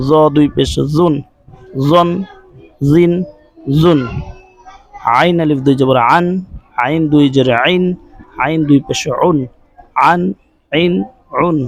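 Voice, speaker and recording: A man with a fairly high voice teaches a recitation class, chanting syllable after syllable in a steady drill and lifting his pitch on each recap. The sound is close and dry, with no room behind him. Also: dry recording, poor audio. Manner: patient, asks listeners to repeat after him. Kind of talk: recorded online class.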